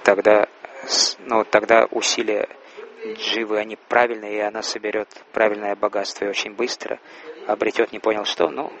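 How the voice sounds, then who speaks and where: A man interpreting a religious lecture in a halting way, with pauses and restarts. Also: on the low side, steady tone, gravelly, a bit bright, a little hiss or hum, poor audio.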